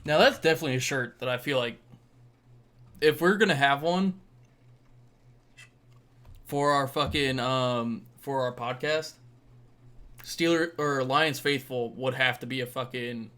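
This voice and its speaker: An American man with a medium-pitched voice chats about sports as a podcast co-host. He is informal and laid-back, swearing casually as he talks. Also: unhurried, long pauses, a bit bright.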